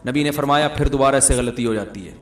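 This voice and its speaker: A middle-aged man giving a religious talk, telling anecdotes in a lively, joking manner and often chuckling. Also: medium pitch, roomy sound, background noise. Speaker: Islamic preacher.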